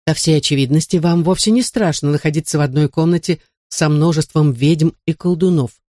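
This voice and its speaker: A narrator voicing a calm, powerful enchanter who is polite, unhurried and gently mocking, in a storybook reading. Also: mid-range voice, no echo, studio quality, natural voice. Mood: courteous. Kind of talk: audiobook character voice.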